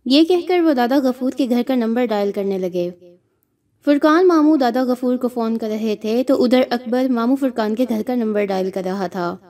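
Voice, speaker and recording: A woman narrating a horror story aloud in a steady, measured reading voice. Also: on the high side.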